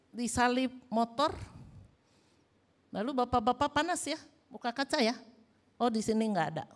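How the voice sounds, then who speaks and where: Woman pastor with an Indonesian accent; animated, wide-ranging sermon delivery, storytelling. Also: high voice. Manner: lively storytelling, acts out dialogue.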